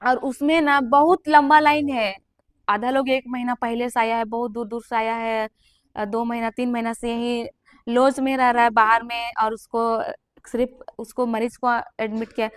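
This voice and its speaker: Young woman, fairly high voice, emotional testimony teller, dry sound. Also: little pitch movement, moderate pace, no echo. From Jharkhand, India. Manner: earnest and emotional, acting out the people she quotes. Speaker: testimony giver.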